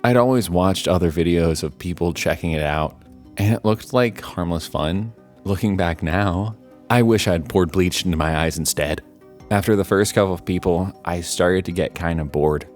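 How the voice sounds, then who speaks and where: A man with a deep, low voice narrates a horror story. He tells it in a wry, self-deprecating way, and faint music plays under him. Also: normal speed, a little mellow.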